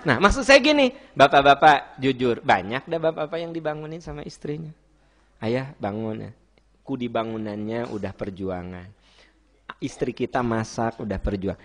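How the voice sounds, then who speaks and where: A middle-aged man preaching with a Sundanese accent, teasing his listeners and acting out little family scenes, then dropping to a soft gentle tone for advice. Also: mid-range voice, animated, normal speed. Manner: playful, teasing, acts out wife and husband in quoted voices. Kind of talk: lively sermon to a congregation.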